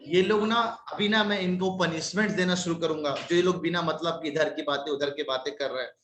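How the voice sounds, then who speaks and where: Animated male teacher in echoey room. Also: on the high side, a little fast. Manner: lively, scolding in jest. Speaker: maths teacher. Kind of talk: live online class.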